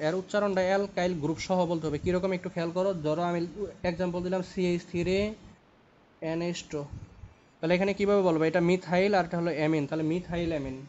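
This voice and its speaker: A man's voice: sits high, fairly even intonation, quick pace, darkish tone, slight background noise. A young man teaching chemistry, repeating points and checking in with tag questions. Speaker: chemistry tutor. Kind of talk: lecture at a whiteboard. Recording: dull lo-fi recording.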